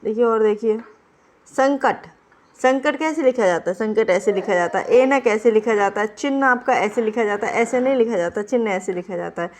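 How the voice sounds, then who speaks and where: A woman's voice: on the high side, moderate pace. A woman teaching an online exam-prep class. She explains each point, repeats key words, and checks in with students often.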